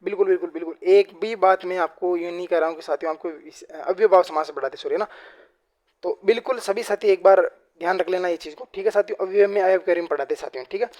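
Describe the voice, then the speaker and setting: High-voiced man teaching exam grammar. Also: fast, darkish tone. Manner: repeats "साथियों" and "बिल्कुल" constantly; asks questions and answers them himself. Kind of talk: exam-prep grammar lesson.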